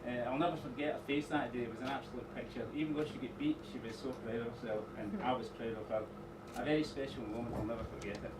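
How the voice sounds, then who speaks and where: A middle-aged man giving an informal wedding speech as father of the bride, rambling a little with pauses and dry teasing asides. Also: mid-range voice, fairly even intonation. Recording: echoey room, distant mic, noisy background.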